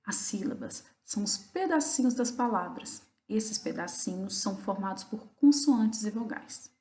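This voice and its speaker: Woman teacher, patient, mid-pitched, asks and answers her own questions, echoey room. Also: lively intonation, a little mellow. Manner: spells out syllables slowly. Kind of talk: recorded video lesson for children. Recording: roomy echo.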